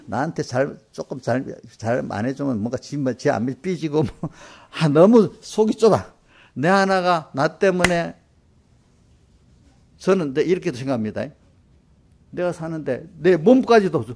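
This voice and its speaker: Gravelly-voiced male pastor preaching. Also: on the high side, a little mellow. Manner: conversational preaching with repeated tag questions to the congregation. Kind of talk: sermon. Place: church sanctuary.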